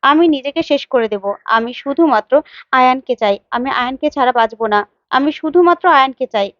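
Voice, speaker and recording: A woman's voice: sits high, fairly quick, fairly bright tone, no echo, highs cut off. Woman voicing a desperate, obsessed young woman. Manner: pleading, insistent.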